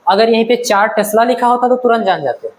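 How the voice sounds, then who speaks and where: With an extremely high pitch and a quick pace, a man teaches physics in classroom-lecture fashion on a rough recording. He quizzes the students, checks they understand, and calls them "beta."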